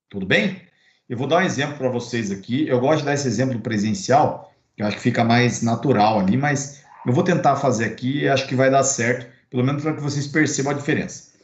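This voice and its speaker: A man's voice: mid-range voice, fairly quick. A man with a Brazilian Portuguese accent giving an online lecture as course instructor, conversational with many fillers and checking tags. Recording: roomy, dull recording.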